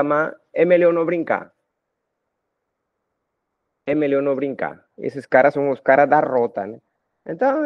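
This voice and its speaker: A man's voice: on the high side, dry recording. Colombian man lecturing students, lo-fi. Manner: talkative, addresses students informally with frequent tag questions. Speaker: math lecturer. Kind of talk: recorded video lecture. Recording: dull lo-fi dry sound.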